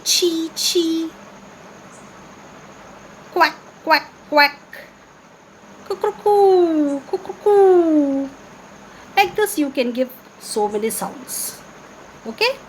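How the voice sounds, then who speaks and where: A woman primary teacher speaks slowly in a fairly high voice. She explains simply to young children, asking questions and repeating herself. There is noticeable noise in the recording. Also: rough recording. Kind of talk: children's online class lesson.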